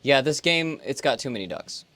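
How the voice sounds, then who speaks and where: A male streamer in his late twenties chats casually on a livestream, relaxed and rambling with plenty of fillers. His voice is mid-range and he talks at a normal speed.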